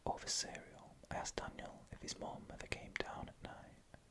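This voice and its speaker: A person whispering scary first-person stories in a hushed, unvoiced ASMR narration from start to finish. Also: normal speed. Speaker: storyteller.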